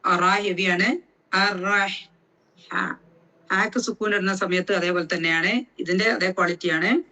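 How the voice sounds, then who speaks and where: A woman teaching Quran recitation rules, speaking slowly and deliberately and drawing out each letter sound to show how it is made. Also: mid-range voice, bright, forceful tone, low-quality recording.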